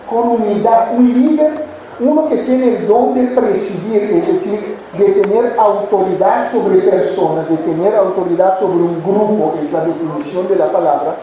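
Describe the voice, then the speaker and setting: A man's voice: high voice, dark tone, reverberant, a little hiss or hum, low-quality recording. A man preaching a Sunday sermon, putting questions to the congregation and answering them himself. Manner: acts out foolish attitudes in mocking voices. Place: church hall.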